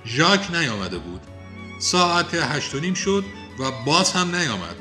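A man's voice: a little high, big pitch swings, sharp tone, soft background music, voice pushed up. A man reading a stern, imperious father. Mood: tense.

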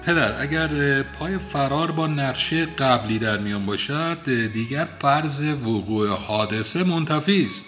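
A man reading aloud voices a calm young male doctor who speaks in a measured, reasoning way. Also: medium pitch, faint music behind, close to an everyday voice.

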